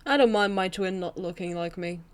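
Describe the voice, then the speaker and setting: A woman's voice: fairly low pitch, brisk, clear, resonant tone. A woman live-streaming a video game, chatting offhandedly and talking while chewing.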